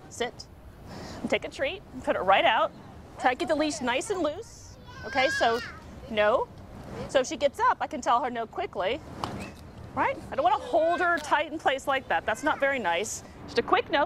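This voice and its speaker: Higher-voiced woman giving firm outdoor instruction. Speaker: dog trainer, presenter. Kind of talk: instructional presenting to camera. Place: outdoors in an open city park. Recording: faint outdoor city ambient noise.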